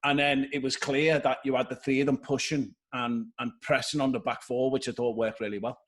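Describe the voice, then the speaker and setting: A man talks football on a podcast in a mid-range voice that sits right in the middle of the usual range for men. His delivery is analytical and unhurried as he walks through tactics in easygoing chat. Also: medium pitch, flat delivery. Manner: analytical, explains tactics at length. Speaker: podcast co-host.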